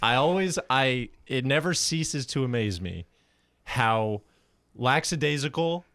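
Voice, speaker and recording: A man's voice: mid-range voice, expressive, a little slow, fairly bright tone, no echo. A young man co-hosting a podcast, telling a story in a teasing, laughing way with lots of restarts. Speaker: podcast co-host. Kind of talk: casual chat. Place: podcast studio.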